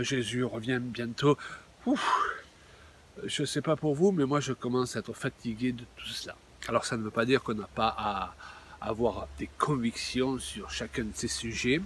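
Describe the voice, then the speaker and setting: A pastor in his sixties delivers an animated video sermon, exclaiming often and pausing with plenty of fillers. His voice is medium in pitch, and there's slight background noise.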